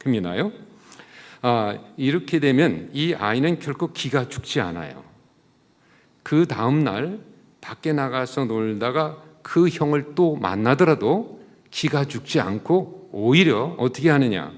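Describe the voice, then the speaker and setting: A man's voice: mid-range voice, expressive, unhurried, big-room sound. A man, a professor, giving a sermon-style talk at a church service, asking the listeners rhetorical questions and acting out short quoted lines. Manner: acts out the quoted lines of mother and child.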